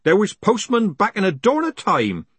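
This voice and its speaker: A man's voice: high-pitched, wildly swooping pitch, normal speed, a bit bright, husky, dry recording, pitched above the performer's own voice, full character voice. A man voicing an eager, proud male postman who rambles and stumbles over his words. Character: eager talkative male postman, full of pride.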